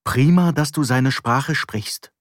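A man's voice: mid-range voice, lively intonation, normal speed, no room sound, studio quality, lightly acted. A man reading an audiobook, voicing an impatient woman who talks curtly and bitingly. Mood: sharp. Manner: curt, biting. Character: sharp, impatient woman, quick to scold.

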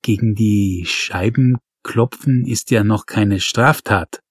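A man voicing a hesitant rural male police officer who talks in a calm, placating way. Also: lowish voice, slow, husky, no echo, studio quality.

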